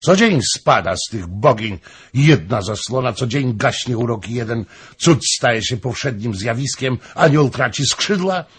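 A man's voice: mid-range voice, big pitch swings, a little slow, fairly bright tone, husky, pitched above the performer's own voice, exaggerated voice. A man doing an ardent, pleading king. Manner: raised, impassioned, theatrical. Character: amorous king, grown man, passionate and pleading.

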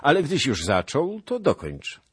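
A man voicing a commanding middle-aged prince who speaks in a lordly, booming way. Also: very animated, takes it slowly, a bit bright, slightly rough, exaggerated voice.

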